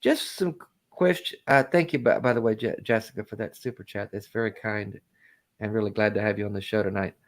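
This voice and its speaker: A man hosting a call-in talk show, chatting casually with a guest, animated and often laughing. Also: on the low side, fast talker. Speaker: host. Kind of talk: casual chat.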